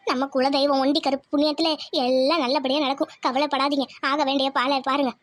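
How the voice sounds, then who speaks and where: A woman's voice: high-pitched, level tone, quick pace. A woman voicing several village women in a cartoon series, talking in emotional, pleading dialogue.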